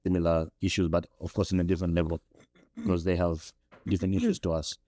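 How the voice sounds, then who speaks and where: A fast talker, this young man from Zambia is a podcast guest who reflects thoughtfully in interview talk, restarting often and going higher in pitch when animated. The studio podcast mic gives studio quality with no room sound.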